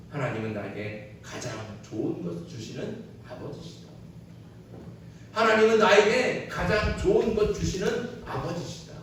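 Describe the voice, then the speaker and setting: A male pastor with a fairly high voice, preaching an earnest sermon that presses each point with repetition. He sounds set back from the mic, with strong church-hall echo and faint room noise behind him. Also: distant mic. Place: church sanctuary.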